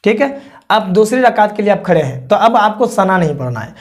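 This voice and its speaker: A man teaching step by step how to perform a prayer, speaking patiently and repetitively, often checking in with his listeners and reciting the Arabic prayers slowly and deliberately. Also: high-pitched, big pitch swings. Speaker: Islamic religious teacher. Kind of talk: step-by-step religious instruction.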